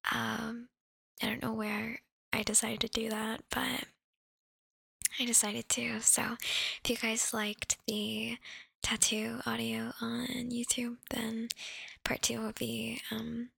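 A young woman whispers a loose, rambling update as she chews gum. Her voice is gravelly and husky, with a bright edge. It sits close and dry, and its pitch stays flat. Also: takes it slowly, no room sound. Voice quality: soft whisper, chewing gum. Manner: rambling, affectionate, with little laughs. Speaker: audio creator.

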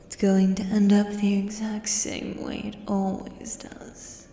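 In a whispered role-play, a woman acts out a menacing female beast with an axe, taunting its human prey like a predatory beast-man. The delivery is very slow and the tone dark and low-lit. Long echoing reverb surrounds the voice. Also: monotone. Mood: amused, probing. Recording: echoey cavern-like reverb, audible background noise.

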